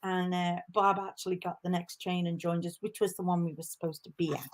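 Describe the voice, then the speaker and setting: A woman from Liverpool with a Liverpool accent softened by years in Canada, telling an animated story as a guest on a casual video call. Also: lowish voice, brisk, slight background noise. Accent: Liverpool (Scouse), softened by Canada. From Liverpool, England. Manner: animated storyteller, acts out voices.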